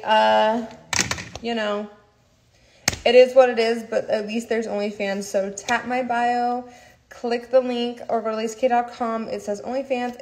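Young woman, slight lisp, chatty livestream host, a touch high, recorded close on a phone at home. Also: darkish tone. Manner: chatty, rambling, laughs often. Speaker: social media creator. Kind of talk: casual livestream chat to followers. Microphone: phone held close, livestream.

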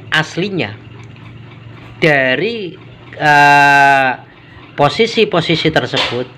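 A man's voice: mid-range voice, sharp tone, a little hiss or hum. A man, a mechanic giving a casual hands-on workshop tutorial and explaining each step as he works. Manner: casual, explanatory, mixes in Javanese words. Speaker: motorcycle mechanic. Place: motorcycle workshop.

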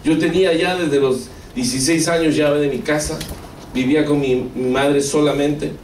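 A man's voice: on the high side, fairly even intonation, moderate pace, darkish tone. Argentine guy preaching his testimony, keeps saying brother, echoey room, some faint noise. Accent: Argentine Spanish. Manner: emotional storytelling, often addressing listeners as brother; asks rhetorical questions of the audience. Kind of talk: sermon testimony. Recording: echoey room, mic far off.

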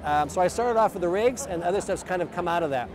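Guy in his 40s showing off camera rigs, kinda high voice, loud crowd chatter all around outdoors. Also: quick pace. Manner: casual explanatory, many fillers. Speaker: company president and filmmaker. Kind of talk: trade show equipment demo. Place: outdoor expo booth under an umbrella. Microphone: lapel mic.

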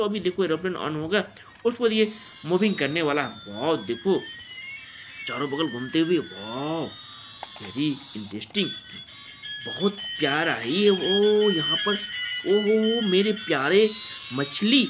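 An Indian man who presents toy play videos improvises exclamatory play-by-play narration of toy play for children, peppered with wows and interjections. His voice is a little high, and the background is noisy.

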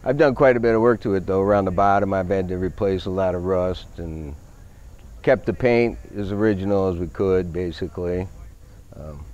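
A middle-aged man with a low, mellow voice talks in an easygoing, unhurried way, with many small fillers. He is recorded outdoors on a grassy show field. The sound is a little dull and lo-fi. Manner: easygoing, many fillers, technical car talk. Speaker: van owner. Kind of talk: casual interview.

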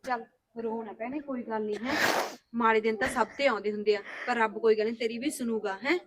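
An actress playing a soft-hearted young woman of the house, speaking in a soothing voice. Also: a little high, steady tone, fast, a crowd in the background, natural voice. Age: young adult. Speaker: daughter of the house.

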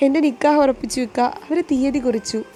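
A woman playing a heartbroken young woman, emotional and pleading, high voice. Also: fast, dark tone, faint music behind, natural voice. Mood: tearful. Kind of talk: storytelling voice acting.

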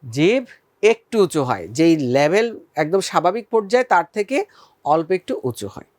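Male teacher, fairly high voice, patient, asks then answers himself, dry close sound. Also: very animated, darkish tone, no room sound. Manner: patient, addresses students as friends, asks and answers own questions; demonstrates vowel sounds slowly. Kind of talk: recorded video lesson.

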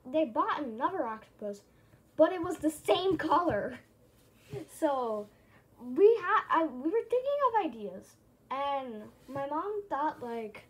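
A young woman vlogs from a room at home, showing off her plush toy collection in casual, rambling chat. Her high, slightly breathy voice is hesitant and often repeats phrases, and the audio quality is poor.

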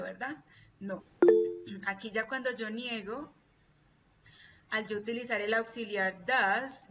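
Woman, English teacher, patient, repetitive, slow delivery, muffled audio. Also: medium pitch, a bit bright, a little hiss or hum. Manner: patient, repeats examples slowly and keeps checking understanding. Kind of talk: classroom lecture. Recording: distant, dull lo-fi audio.

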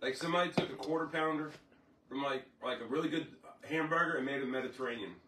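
A man's voice: mid-range voice, quick pace, fairly bright tone, far from the mic. A man co-hosting a live stream chats in a laid-back, rambling way as he reads out viewer comments. He sits well back from the mic, so his voice sounds roomy, with faint noise behind it. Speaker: co-host reading viewer comments. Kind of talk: casual live-stream chat.

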